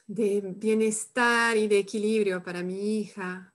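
A woman leading a live workshop, who talks calmly and reflectively and tags her phrases with "¿no?". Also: medium pitch, a little slow. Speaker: workshop facilitator. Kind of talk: live online workshop demonstration.

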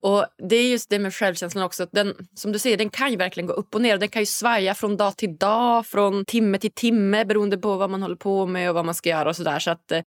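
Brief: woman host, eager and agreeing, dry close mic, mid pitch. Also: steady tone, few pauses, no echo. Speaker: podcast host. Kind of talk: podcast conversation.

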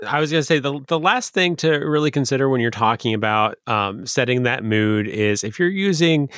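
Halting man on a dry podcast mic. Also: mid-range voice, expressive, fairly bright tone, dry recording. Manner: halting, many restarts and fillers. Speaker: podcast co-host, dungeon master. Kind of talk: casual podcast chat.

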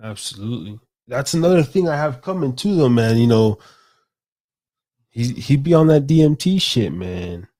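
A young man hosting a casual late-night podcast, rambling and excitable, swearing freely and calling his guest bro. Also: mid-range voice, normal speed. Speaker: podcast host.

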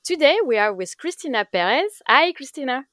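A woman hosting a science podcast, chatty and quick to laugh, with loose restarts as she introduces her guests. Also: on the high side, fairly bright tone, no echo. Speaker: podcast host. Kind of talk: casual interview.

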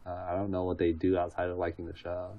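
Deep gravelly dude, husky, super chill guest, swears a bunch. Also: male voice, completely flat delivery, quick pace, phone-quality sound. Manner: laid-back, offhand, swears casually. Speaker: interview guest. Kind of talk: casual interview chat.

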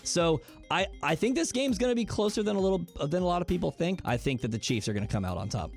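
A man co-hosting a casual sports talk show, getting heated and excitable as he talks. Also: high-pitched, gravelly, faint music behind. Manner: fast, heated, excitable delivery.

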